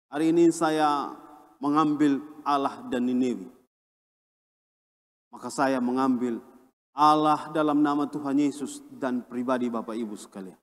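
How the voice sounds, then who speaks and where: A man from Indonesia, a pastor, preaching a sermon with emphatic swings between a raised and a lowered voice. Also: measured pace, pauses often, long reverb tail. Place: church.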